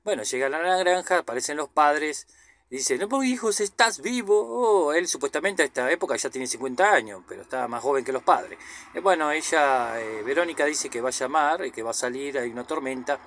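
A man's voice: mid-range voice, a little fast, a bit bright. A man casually recapping a movie in a loose, slangy way. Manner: chatty, loose retelling with slang asides and fillers. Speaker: film commentator.

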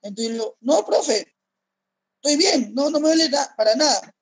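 A man, a former footballer, casually telling stories and filling his pauses with "este". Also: very high voice, dry recording, poor audio. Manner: relaxed, heavy use of fillers. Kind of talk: casual storytelling.

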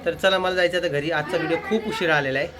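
A man's voice: a little high, steady tone, quick pace, a loud crowd. A man filming a casual family vlog, chatting and teasing his relatives while talking straight to his viewers. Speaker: family vlogger. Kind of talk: casual vlog chat to camera. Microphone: handheld camera.

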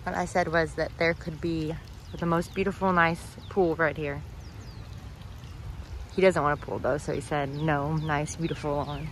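A woman's voice: deep voice, little pitch movement, normal speed. A woman vlogging casually while touring a house and garden, gushing and chatty. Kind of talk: casual vlog narration. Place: outdoors and indoors touring a house. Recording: noisy handheld camera audio.

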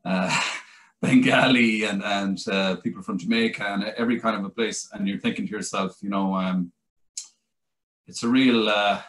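A low-voiced Irish translator and author rambles in a conversational video-call interview, restarting often and saying "you know" a lot. He talks at normal speed with fairly even intonation and a slightly bright tone, recorded on a webcam in a small indoor room with a plain wall.

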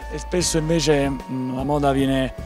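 A man's voice: mid-range voice, fairly even intonation, measured pace. A man working as an interviewer at an event, putting polite, wordy questions. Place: outdoor street at night. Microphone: handheld interview microphone. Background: music.

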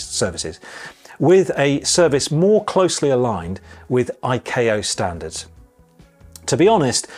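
A man's voice: mid-range voice, a little mellow, breathy edge. A man presenting a monthly pilot news briefing, reading a script in a chatty way with wry asides.

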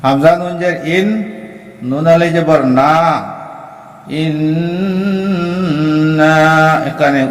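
A man teaching Quran recitation, spelling out each word letter by letter and then chanting it slowly and drawn out. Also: a little high, steady tone. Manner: slow and deliberate, chants the words drawn out. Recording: echoey room with long reverb.

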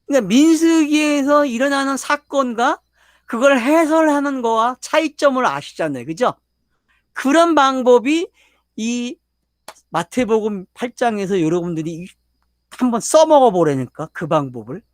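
A man's voice: extremely high pitch, animated, moderate pace, no room sound, studio quality. An older man preaching a Bible lecture, constantly questioning his listeners and pressing his points emphatically. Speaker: pastor. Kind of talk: sermon lecture.

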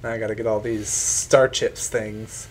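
A man's voice: on the low side, level tone, unhurried, a little hiss or hum. A man hosting a casual let's-play, chatting playfully and slipping into sing-song sound effects. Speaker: gaming video host.

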